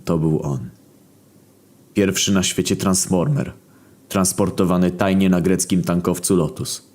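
A man narrating a comic internet story in a deadpan, profane storytelling manner. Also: sits low, unhurried. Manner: deadpan storytelling, heavy swearing.

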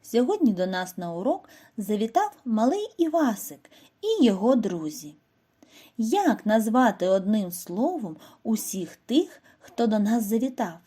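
A woman narrates a lesson for young schoolchildren, talking slowly and clearly and pausing for questions. Her voice is mellow and a little husky, and her pitch moves a lot. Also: big pitch swings. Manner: slow, clear, instructive delivery with questions to children. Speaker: primary school teacher. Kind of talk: scripted lesson narration for first graders.

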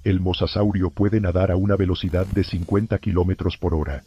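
Playing a grave emergency broadcaster, a man narrates scripted horror warnings with measured, formal solemnity, his delivery fairly even in intonation. The voice is deep, mellow and slightly rough, heard through muffled lo-fi audio.

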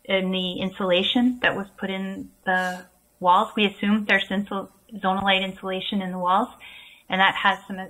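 A woman consultant at a town council meeting, explaining cost estimates in a measured way with fillers, heard over a remote call. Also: medium pitch, flat delivery, a bit bright, low-quality recording. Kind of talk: meeting discussion.

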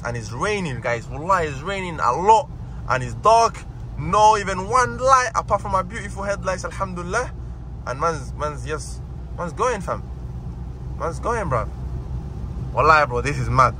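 A man's voice: fairly high pitch, bright, forceful tone. A man with a London roadman accent vlogging casually on a road trip, using heavy street slang and repeating short phrases for emphasis. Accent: London roadman, multicultural street slang. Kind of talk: casual road-trip vlog chat to viewers. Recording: noisy car and street ambience.

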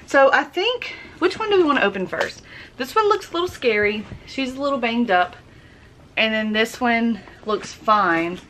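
A young woman chatting excitedly through a casual unboxing vlog at home. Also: a little high, a little hiss or hum. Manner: chatty and excitable, quick gasps of delight. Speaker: YouTuber.

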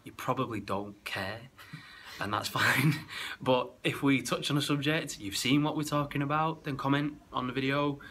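A man's voice: mid-range voice, steady tone, moderate pace, noisy background. A young man co-hosting a casual gym vlog, joking around and laughing as he rambles. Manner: jokey, laughs often, rambling. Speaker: co-host. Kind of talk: casual chat.

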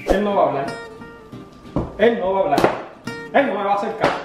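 A man in a comedy sketch, playing a dad who homeschools his kid and scolds him in fast, exasperated teacher talk. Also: high voice, expressive, echoey room, recorded from a distance, loud music behind the voice.

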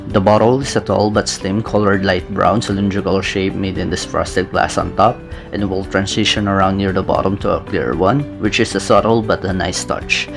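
Speaking at normal speed, a young man reviews a fragrance in a lowish, gravelly voice. His narration is steady and methodical, detailing everything carefully like a scripted piece, while background music runs clearly underneath. He is in a small indoor room with a brick-pattern wall.

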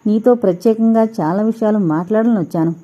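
A woman's voice: medium pitch, fast, dark tone, natural voice. A woman voicing a proud, wealthy young man who is barely holding back his anger, read in an audiobook with a dull, lo-fi sound. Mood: stern. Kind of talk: audiobook character reading. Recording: dull lo-fi recording.

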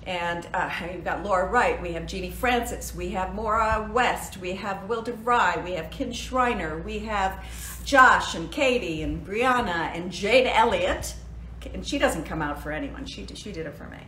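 A woman's voice: mid-range voice, normal speed, pushed and bright, slight background noise. A woman in her sixties chatting and joking on a phone livestream from her living room. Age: 60s. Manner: chatty, self-deprecating, joking. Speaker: actress hosting a birthday fundraiser livestream. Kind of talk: casual livestream chat. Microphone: phone at arm's length. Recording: roomy home phone recording.

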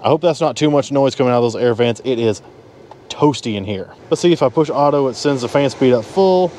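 A man's voice: mid-range voice, fairly quick, darkish tone. Guy showing off a pickup, easygoing folksy talk, a little background hiss. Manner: conversational, folksy, pointing things out. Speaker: car reviewer. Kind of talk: walkaround car review. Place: in and around a pickup truck at a dealership.

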